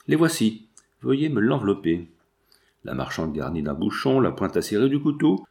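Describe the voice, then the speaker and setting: A man reading a classic novel aloud as a narrator, steady and measured. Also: medium pitch. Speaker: audiobook reader.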